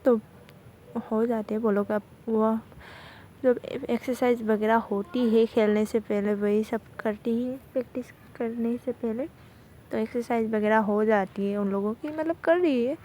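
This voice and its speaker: A woman's voice: on the high side, steady tone, measured pace, dark tone, slight background noise. A young woman narrating a college love story casually, in a chatty, loose retelling style.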